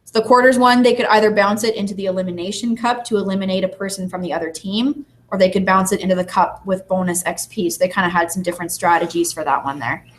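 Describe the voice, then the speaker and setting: A woman's voice: medium pitch, quick pace, hardly any pauses. Woman teacher telling classroom stories. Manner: lively storytelling, acting out students' lines. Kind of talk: presentation to an audience.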